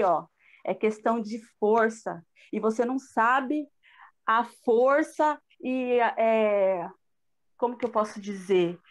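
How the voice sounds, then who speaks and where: A middle-aged woman with a Brazilian Portuguese accent, giving an earnest, reflective personal testimony in a live talk. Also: fairly high pitch. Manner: earnest, reflective, with frequent fillers. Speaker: guest speaker.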